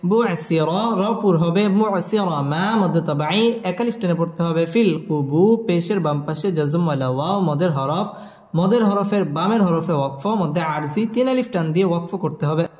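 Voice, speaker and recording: A man teaching Quran recitation. He spells out letters and vowel marks one by one, explains the reading rules, then chants each verse slowly with long drawn-out notes. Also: a little high, darkish tone, roomy sound, long reverb tail.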